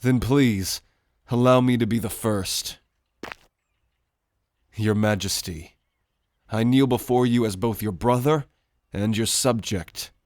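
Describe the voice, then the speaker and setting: A man playing a loyal, solemn prince in an audio roleplay, speaking in a formal, measured, courtly way. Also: on the low side, a little mellow, dry recording, clean studio sound.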